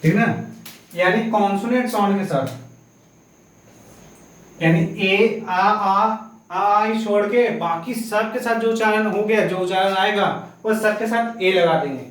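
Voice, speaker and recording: A man's voice: sits high, measured pace. A male English teacher. He explains grammar in a lecture, calls his students "sir" and chants the vowels. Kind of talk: classroom lecture. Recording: very echoey room, far from mic.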